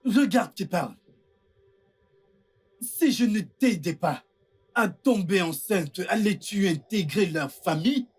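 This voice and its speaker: A woman dubbing a quick-tempered scheming man who barks orders at his accomplice. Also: mid-range voice, expressive, darkish tone, breathy edge. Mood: furious. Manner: snapping and commanding. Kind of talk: dubbed film acting.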